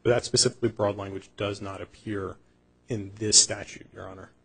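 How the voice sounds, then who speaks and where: A male attorney making a formal, measured oral argument in a courtroom. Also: lowish voice, steady tone, a bit bright, slightly rough, rough recording. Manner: formal and measured, repeatedly says "Your Honor". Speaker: attorney arguing before an appeals court.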